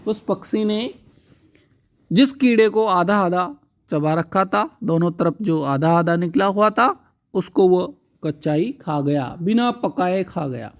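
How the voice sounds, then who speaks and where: A man teaching a poetry lesson, his voice sitting a little high. He reads each line at a very unhurried pace. Then he breaks it down in a plain, patient teaching tone. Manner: reads lines slowly, then explains them in a plain teaching tone.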